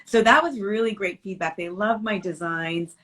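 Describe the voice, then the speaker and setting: A woman's voice: mid-range voice, moderate pace, fairly bright tone. A middle-aged woman from Canada, a business owner chatting casually in an interview over a video call, with lots of fillers and restarts.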